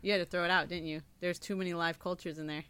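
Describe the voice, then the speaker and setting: A young woman co-hosts a casual podcast, teasing and joking with her partner. Her voice sits a little low for a woman. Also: little pitch movement, fast talker, fairly bright tone, slight background noise. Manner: teasing, playful. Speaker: podcast co-host. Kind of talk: casual chat.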